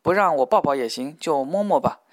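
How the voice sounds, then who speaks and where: A man's voice: fairly high pitch, expressive, brisk, dry recording, studio quality, close to an everyday voice. Audiobook: male reader voicing a crude, leering middle-aged worker, pushy and wheedling.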